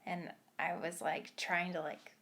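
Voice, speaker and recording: A woman podcast co-host telling a personal paranormal story in casual chat, animated and laughing often, dropping to a hush at tense moments. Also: fairly low pitch, unhurried.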